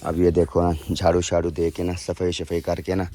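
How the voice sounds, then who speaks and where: A man's voice: deep voice, monotone, moderate pace, dark tone, a little hiss or hum. A young man from Pakistan speaking with a tinge, vlogging casually to camera in an earnest, pleading way. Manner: earnest, pleading, repeats "okay?" tags. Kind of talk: casual vlog talk to camera.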